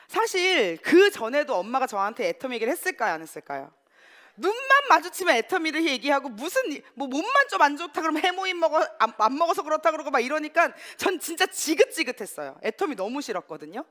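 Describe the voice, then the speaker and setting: A woman in her thirties telling her own story in a lively, animated way, often laughing through her anecdotes. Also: high voice. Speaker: business member sharing her story. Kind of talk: personal testimony talk.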